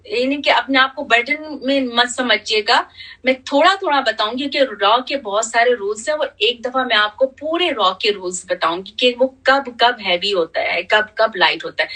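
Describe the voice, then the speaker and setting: A woman's voice: on the high side, pushed and bright, recorded from a distance, poor audio. A woman teaching tajweed, patiently repeating letter sounds and mixing in English. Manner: patient, repeats sounds slowly, checks in with "theek hai"; switches between Hindi-Urdu and English. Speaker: Quran recitation teacher. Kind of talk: tajweed lesson with demonstrated recitation.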